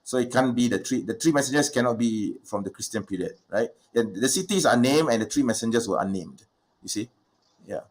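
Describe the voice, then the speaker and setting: A man's voice: medium pitch, animated, brisk. A man hosting a livestream Q&A, talking casually with many fillers and restarts. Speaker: livestream host.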